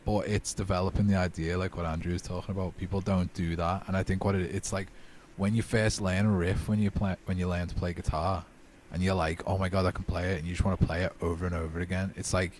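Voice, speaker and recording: A man's voice: deep voice, darkish tone, a little hiss or hum. A man co-hosting a music podcast, easygoing and agreeable in casual chat. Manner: easygoing, agreeable, says yeah a lot. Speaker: podcast co-host.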